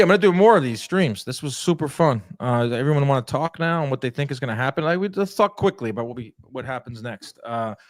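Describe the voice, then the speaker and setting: Chatty man hosting a fight stream. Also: medium pitch. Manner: chatty, opinionated, talks to chat viewers. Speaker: boxing livestream host. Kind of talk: casual live fight commentary.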